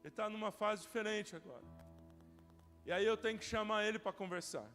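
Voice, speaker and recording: A young male pastor with a Brazilian Portuguese accent preaching a sermon, telling stories with strong feeling and swinging from loud cries to hushed whispers. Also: high-pitched, brisk. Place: church hall. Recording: church hall reverb with soft music.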